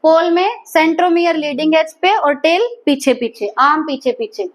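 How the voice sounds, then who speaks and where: A woman's voice: sits high, normal speed. A woman teaching a biology class, asking her students questions and repeating their answers. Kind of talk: classroom lecture.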